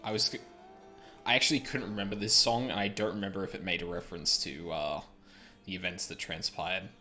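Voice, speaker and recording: A man's voice: low-pitched, fairly even intonation, fairly quick, bright, forceful tone, soft background music. A man giving casual commentary as he plays a video game. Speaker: gamer, let's player.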